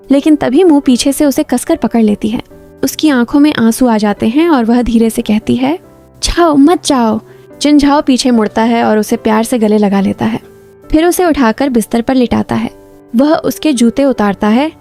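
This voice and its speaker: Female recap narrator, slightly high voice, smooth and even scripted storytelling.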